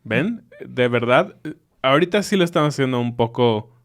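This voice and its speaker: A man's voice: medium pitch, animated, normal speed. A man co-hosting a language podcast, explaining in casual teaching chat and repeating example words with emphasis. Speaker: podcast co-host.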